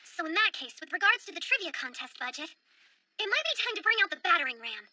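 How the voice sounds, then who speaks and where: An earnest, eager young anime heroine in overacted English dub style. Her voice is extremely high and very bright, quick and emphatic. She speaks politely and insistently, as if making her case. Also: very animated, heavily acted. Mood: determined. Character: earnest, eager young woman leading small-town tourism revival.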